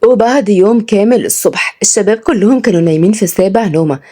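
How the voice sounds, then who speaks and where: Egyptian woman storyteller, brisk narration at a mid pitch. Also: warm tone. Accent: Egyptian Arabic.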